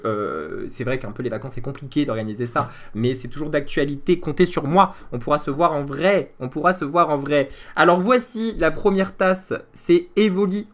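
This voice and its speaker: A man in his thirties chatting casually with his live-stream viewers, animated and laughing at his own jokes. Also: on the high side, a little hiss or hum. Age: 30s.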